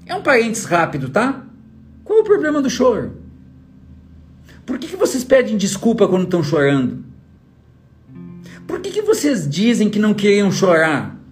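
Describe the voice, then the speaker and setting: Emphatic high-voiced man. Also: huge pitch swings, normal speed, long pauses. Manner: emphatic, rhetorical questions, direct address to the listener. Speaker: motivational speaker and trainer. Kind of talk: motivational talk. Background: faint guitar music.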